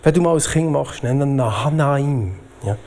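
A man with a Swiss German accent preaching a sermon in a lively, informal way. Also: normal speed. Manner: lively, informal preaching with swings in pitch and loudness.

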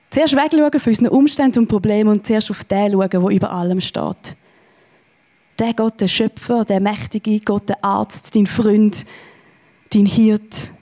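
A woman's voice: medium pitch, dark tone. A woman preaching a sermon from a church stage, earnest and encouraging, with emphatic rises in her voice.

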